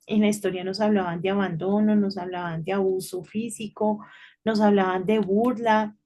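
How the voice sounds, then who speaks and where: A woman's voice: mid-range voice, steady tone, normal speed, mellow. Middle-aged woman, children's devotional, chatty storytelling, frequent tag questions. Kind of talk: informal devotional talk to children.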